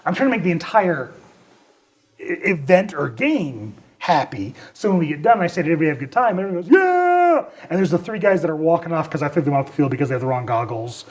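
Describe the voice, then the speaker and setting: A man's voice: fairly high pitch, animated, fast. A man co-hosting a casual roundtable talk, playful and teasing. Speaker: podcast co-host.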